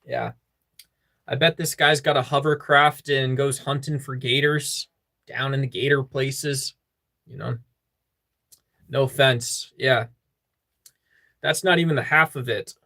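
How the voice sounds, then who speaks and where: A man's voice: mid-range voice, steady tone, unhurried, long pauses, bright, forceful tone. A man hosting a casual livestream, chatting with viewers in a joking, rambling way. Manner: joking, rambling, singing snippets. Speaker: livestream host.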